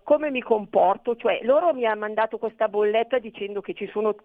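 A woman's voice: medium pitch, fairly quick, no echo. Older woman as a chatty phone-in caller on a tinny line. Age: 70s. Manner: chatty, repeats herself while explaining. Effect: phone-in caller on a radio show. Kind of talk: casual chat.

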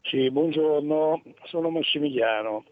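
A man's voice: on the high side, dry recording. Older man calling in over a tinny phone line. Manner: halting, full of restarts, anecdotal. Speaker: radio show caller.

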